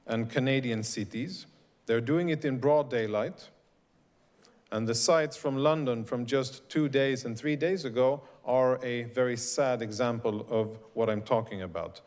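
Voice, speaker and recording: A middle-aged man from Sweden, an invited speaker delivering a prepared speech to a live audience in a deliberate, emphatic way. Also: mid-range voice, a little mellow.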